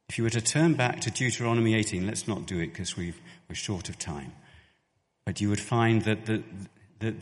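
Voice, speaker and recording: A man preaching a sermon, earnest and animated, his voice climbing sharply when he quotes scripture. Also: fairly low pitch. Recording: long hall reverb.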